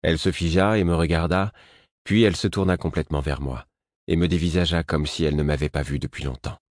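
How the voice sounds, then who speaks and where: A man reading a novel aloud in a soft, slow, intimate way. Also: a bass voice, no echo, studio quality. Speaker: audiobook narrator. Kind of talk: scripted narration.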